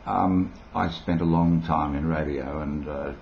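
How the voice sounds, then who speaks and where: A man's voice: extremely low pitch, steady tone, measured pace, vocal fry, slight background noise. A man in his sixties with a mild Australian accent, a former radio broadcaster, chatting eccentrically and playfully in a casual vlog. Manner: playful, eccentric, rambling with frequent chuckles. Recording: dull lo-fi home recording.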